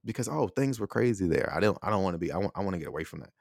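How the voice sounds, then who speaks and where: Deep-voiced man musing on a podcast. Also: animated, rapid-fire, creaky, dry recording, studio quality. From United States. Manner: reflective, conversational, frequent rhetorical "right?". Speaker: podcast host. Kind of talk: solo podcast monologue.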